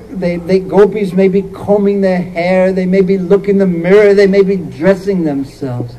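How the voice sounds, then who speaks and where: Slow, earnest high-voiced male preacher. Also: dark tone, low-quality recording. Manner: earnest, repeats phrases, acts out quotes. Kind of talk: sermon retelling scripture.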